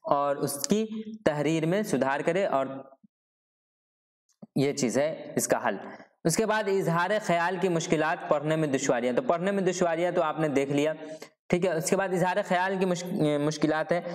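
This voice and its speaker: A male teacher gives an exam-prep lecture on Urdu pedagogy, his voice a little high for a man. He works through it point by point, posing questions to himself and answering them, and keeps checking in with a steady "ठीक है".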